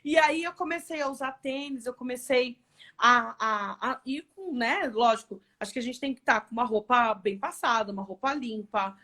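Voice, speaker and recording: Woman executive, interview guest; lively storyteller, slightly high voice. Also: moderate pace. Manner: lively storytelling with frequent tag questions. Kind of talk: casual live interview chat.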